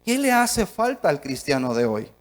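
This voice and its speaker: A man from Honduras preaching a sermon emphatically, asking rhetorical questions and swinging between soft and loud delivery. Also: on the high side, very animated, moderate pace.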